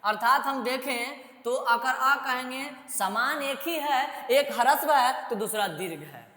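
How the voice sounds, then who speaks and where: A woman teaching a grammar lesson to school students, drilling drawn-out vowels and checking in with "है ना" as she goes. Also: sits high, expressive, sharp tone. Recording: echoey room with long reverb.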